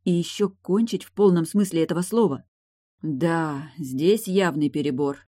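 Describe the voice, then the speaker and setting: A woman reading a novel aloud in a steady, matter-of-fact audiobook narration. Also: low voice, moderate pace, no echo, studio quality. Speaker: audiobook reader.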